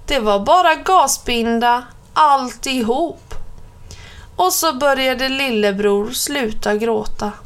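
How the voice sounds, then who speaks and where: A woman reading a children's picture book aloud in a plain, steady storytelling manner. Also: fairly high pitch.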